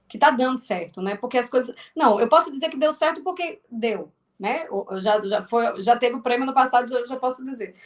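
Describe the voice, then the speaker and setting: A filmmaker and actress from Northeast Brazil, speaking with a strong Northeastern accent, is a casual interview guest. Her high-pitched voice is a bit bright, and her speech has lots of restarts.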